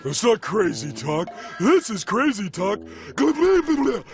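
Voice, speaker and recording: A man's voice: sits high, sing-song, slow, over music, voice pushed up, full character voice. A man putting on the voice of a whiny, baffled young man who complains in exasperation. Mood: exasperated.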